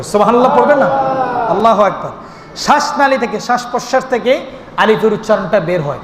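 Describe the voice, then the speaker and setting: A male preacher giving a sermon. He often asks questions and answers them himself, and sometimes breaks into drawn-out chanted calls. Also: sits high. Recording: echoey hall recording with faint noise.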